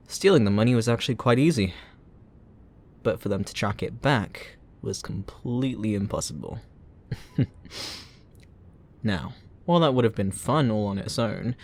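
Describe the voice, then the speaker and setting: In a roleplay audio drama, a man with a fairly low voice plays a gloating, sarcastic supervillain taunting a captive hero, mocking, playful and theatrical.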